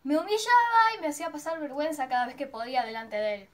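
A teenage girl with an Argentine Spanish accent tells a personal story in a chatty vlog. She speaks quickly in a high-pitched voice, dramatically acting out her own reactions.

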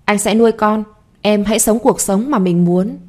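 A woman's voice: mid-range voice, normal speed, darkish tone, close to an everyday voice. A woman voicing an unfaithful husband in an audio story, speaking in a blunt, matter-of-fact way. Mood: cold. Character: cold unfaithful husband and father.

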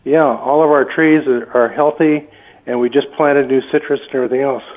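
On a tinny, narrowband phone line, a homeowner on the receiving end of a prank call questions the caller firmly and with disbelief. His voice is medium-pitched and steady, and he talks fairly quickly.

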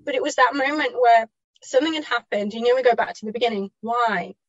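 A woman with a fairly high voice tells parenting stories in a chatty, reflective way, laughing often and correcting herself mid-sentence. The recording is dull and lo-fi, with a dry, close sound. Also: fairly even intonation, quick pace, no room sound. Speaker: parenting mentor guest. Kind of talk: reflective personal storytelling.

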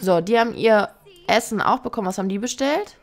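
A woman's voice: medium pitch, fast talker. A chatty woman talks through a life-sim game at a desk microphone. She reads menu options aloud and mutters teasing asides at the characters. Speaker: let's play host. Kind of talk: casual game commentary.

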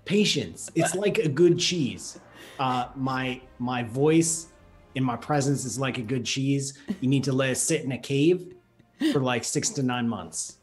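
A man in his thirties chatting casually as a guest on a video call, with a deadpan, wry manner. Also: medium pitch, unhurried. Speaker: guest astrophysicist. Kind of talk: casual chat. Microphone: desktop microphone in front of him. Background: music.

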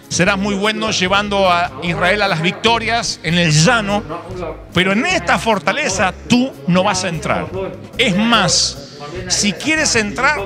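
A preacher putting on a taunting, boastful herald. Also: male voice, high voice, pitched above the performer's own voice. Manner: mocking, boastful. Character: taunting male enemy herald atop a wall.

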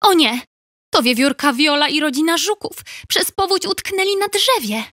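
A fretful young beaver lady from a children's storybook, put on by a woman narrator. Her voice sits higher than the narration and breaks into exclamations and laments. The sound is dry and close. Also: expressive, moderate pace, a bit bright, dry recording. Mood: alarmed. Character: young female beaver, homely and easily upset. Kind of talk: storybook character voice.

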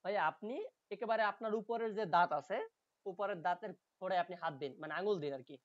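A man teaching linguistics in an online class. He explains patiently, reads English textbook lines slowly and checks often that students follow. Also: high voice, no echo, dull audio. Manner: explains patiently, checks understanding with frequent "okay?".

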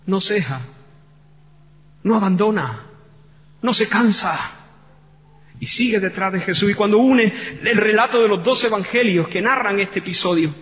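A man's voice: high-pitched, lively intonation, moderate pace, pauses often, fairly bright tone. A man pastor from Spain with a Spain Spanish accent, preaching a passionate, dramatic sermon in a church. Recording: church hall reverb with faint hum.

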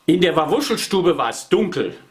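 A man's voice: fairly high pitch, sing-song, moderate pace, noisy background. A man reading a children's book aloud and inviting young listeners to join in. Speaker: storybook reader for children.

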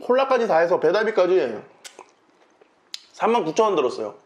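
A casual eating-show host talks through a full mouth, murmuring and humming between bites. The pitch swings around in an animated, sing-song way. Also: moderate pace. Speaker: mukbang host. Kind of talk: casual chat while eating on camera.

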